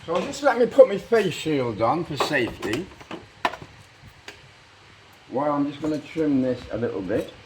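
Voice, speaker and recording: Man with lively, swooping workshop patter. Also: on the high side, a little slow, long pauses, background noise. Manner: explanatory, thinking aloud while working. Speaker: car restoration demonstrator. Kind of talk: informal hands-on workshop tutorial.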